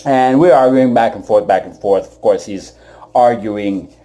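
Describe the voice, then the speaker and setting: Mellow-voiced man doing stand-up stories. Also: lowish voice, a little slow. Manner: conversational, addresses the audience directly with asides. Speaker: stand-up comedian. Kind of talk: stand-up comedy storytelling.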